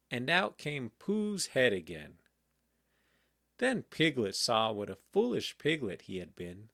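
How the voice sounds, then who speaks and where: Slow, gentle bedtime storyteller. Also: male voice, mid-range voice, vocal fry, no echo, clean studio sound. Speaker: audiobook reader.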